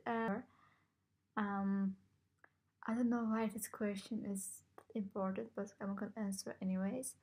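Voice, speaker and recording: A woman's voice: medium pitch, a little mellow. A young woman from the Netherlands answering viewer questions in a casual vlog, talking in a hesitant, self-conscious way. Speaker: vlogger. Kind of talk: casual Q&A to camera.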